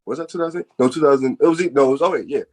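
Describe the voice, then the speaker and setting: A man's voice: mid-range voice, very fast. A man from New Jersey chatting casually as a podcast guest, with slangy, profane wording. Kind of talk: casual chat.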